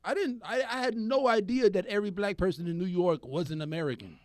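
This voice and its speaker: A man co-hosting a podcast in casual chat, animated and laughing often as he acts out quoted voices. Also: high-pitched, a little fast, no echo. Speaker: podcast co-host.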